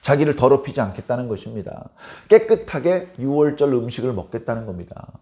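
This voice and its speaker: Animated, emphatic preacher, a middle-aged man. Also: medium pitch, a little fast. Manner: emphatic, rhetorical questions. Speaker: pastor. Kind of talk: sermon.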